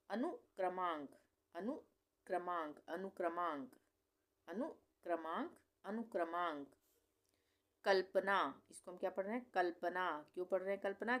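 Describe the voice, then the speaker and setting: Patient woman teaching slow word reading. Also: on the low side. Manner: repeats each word slowly, stretching syllables; patient, explanatory questions to the learner. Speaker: Hindi teacher. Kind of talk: slow instructional reading lesson.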